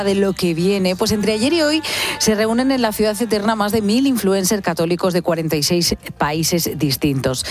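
A woman from hosting a radio interview, asking lively, chatty questions. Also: medium pitch. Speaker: radio host.

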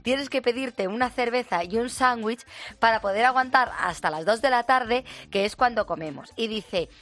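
A woman from Spain with a Peninsular Spanish accent, hosting a radio chat and reading out a news story in a lively, joking way. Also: a little high, moderate pace. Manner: lively, joking, often laughing. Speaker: radio show host.

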